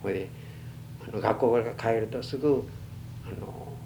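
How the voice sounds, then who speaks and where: Elderly man with western Japanese accent, halting. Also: fairly low pitch, gravelly. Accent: western Japanese, Chugoku. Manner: halting, plain-spoken elder recollection. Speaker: oral history interviewee. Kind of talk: reminiscing in an interview. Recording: noisy archival tape with hum.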